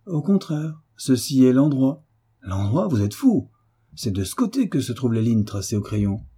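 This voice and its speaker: Dry, teasing detective, as a male reader puts him on, dark husky voice. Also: mid-range voice, very animated, moderate pace, pitched above the performer's own voice. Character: calm, ironic male detective. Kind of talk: audiobook character reading.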